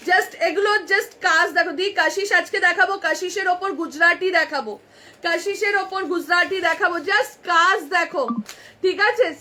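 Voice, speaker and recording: Kolkata Bengali shop seller, woman, live-stream pitch, very high and sharp, phone-mic sound. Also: brisk. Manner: chatty, addresses viewers directly, counts off sizes. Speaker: online clothing seller. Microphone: phone camera.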